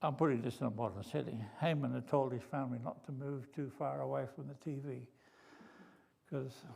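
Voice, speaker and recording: A man's voice: medium pitch, steady tone, fairly quick, gravelly, mellow, husky. An older man from Australia preaching a sermon, telling a story with drama, humor and acted quotes. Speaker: pastor. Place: church.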